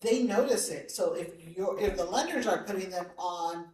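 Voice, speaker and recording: A woman's voice: mid-range voice, expressive, moderate pace, darkish tone. A woman in a work meeting, explaining things in a practical, matter-of-fact way. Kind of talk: meeting discussion. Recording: echoey room, mic far off.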